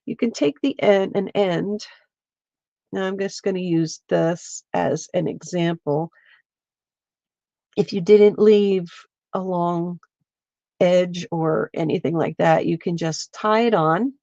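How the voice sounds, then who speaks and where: A woman with a stuffy, congested voice, slowly walking viewers through a craft step by step and chatting with them as she works. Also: on the low side, gravelly, warm tone, dry recording, dull audio. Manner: slow, meandering, chats with viewers while working. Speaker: craft livestreamer. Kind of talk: casual craft demonstration. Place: home, at her lap.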